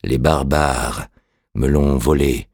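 A man voicing an undead male sorcerer, just revived and hollow, who murmurs slowly and falteringly in an audiobook reading. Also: extremely low pitch, vocal fry, darkish tone, husky, dry recording, clean studio sound, heavily acted. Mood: dazed murmur.

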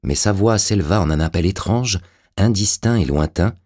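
A man reading a dark fantasy audiobook aloud in a measured, dramatic way. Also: sits low, breathy edge. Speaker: audiobook narrator. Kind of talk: scripted audiobook narration.

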